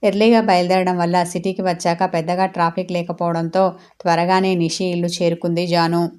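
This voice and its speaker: Even-voiced woman storyteller. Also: fairly low pitch, brisk, clean tone. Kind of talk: serialized audio story narration.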